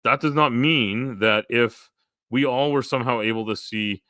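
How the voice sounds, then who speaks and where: A man hosting a casual livestream chat, rambling with lots of fillers and going hoarse. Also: mid-range voice, normal speed, pushed and bright, no room sound, studio quality. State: losing his voice. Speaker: live stream host.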